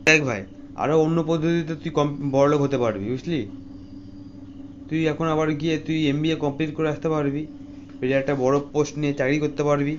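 Fast, bossy man in a lo-fi cartoon dub. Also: on the high side, steady tone. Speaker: voice actor for cartoon figures. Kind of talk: comic cartoon dialogue. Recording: slightly dull lo-fi audio with faint hiss.

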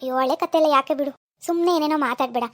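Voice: sits high, very fast, a bit bright, dry recording, studio quality. A performer playing a young rich man's son who hid his wealth, coaxing and pleading with his fiancée on the phone. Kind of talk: amateur phone-call drama.

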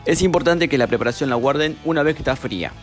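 A young man, calmly narrating a cooking recipe step by step as a voice-over, with music behind him. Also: a little high, fast. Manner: calm step-by-step instructions. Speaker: cooking channel host.

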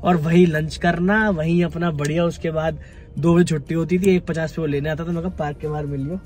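A young man with a high voice chats like a vlogger recounting boyhood pranks, animated and quick to laugh. He keeps turning to his listeners as brothers. A soft bed of music plays behind him. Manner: lively, chatty, often laughing, calls listeners "bhai". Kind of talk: casual storytelling to viewers.

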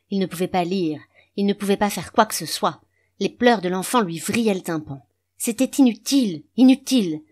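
Female audiobook narrator, lowish voice, calm measured literary reading.

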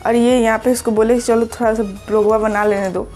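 A woman's voice: a little high, little pitch movement, brisk, a little mellow, faint music behind. A young woman from Assam, India, chatting casually to her viewers in a home vlog. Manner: chatty, talks to viewers directly. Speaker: vlogger. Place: home, indoors.

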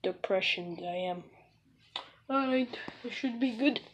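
A woman's voice: fairly high pitch, a little slow, muffled recording, slight background noise. A woman hosting a casual gaming vlog, talking in an offhand, jokey way and calling her viewers comrades in a mock Russian voice. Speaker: gaming channel host.

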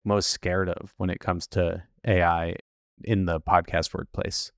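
A man's voice: deep voice, little pitch movement, a little slow, no room sound, studio quality. A man hosting a podcast interview, asking brief, casual questions. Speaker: podcast host.

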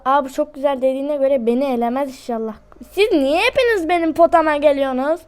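A woman giving chatty, excitable commentary to her viewers while she plays a game at home. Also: high voice. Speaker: gaming YouTuber. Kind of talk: casual gameplay commentary.

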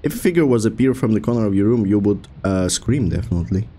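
A man in his thirties doing casual horror game commentary, reading prompts aloud and joking flippantly in halting phrases. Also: on the low side, lively intonation, mellow, slight background noise. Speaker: streamer playing a horror game.

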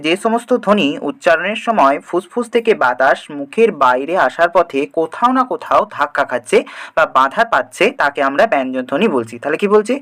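A male teacher giving a grammar lesson to exam students. He keeps asking questions and answering them himself, and he repeats the key definitions slowly. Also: fairly high pitch, a bit bright.

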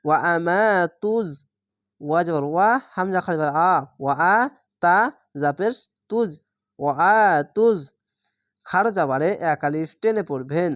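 Woman, lowish voice, patient syllable-by-syllable teaching, dry close sound. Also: no room sound. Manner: spells each syllable then blends it, patient and drawn out. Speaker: Quran reading teacher. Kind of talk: slow spelled-out recitation lesson.

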